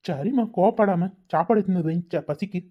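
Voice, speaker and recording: A voice actor playing a calm grown son and elder brother in a cartoon family comedy, on a dull, muffled recording. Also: male voice, high-pitched, fairly quick. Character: grown son coming home, young man.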